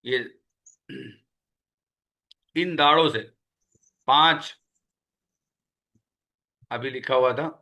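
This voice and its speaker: Bright-voiced man teaching tajweed patiently. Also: medium pitch. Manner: patient, repeats key words slowly. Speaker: Quran recitation teacher. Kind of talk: spoken tajweed lesson.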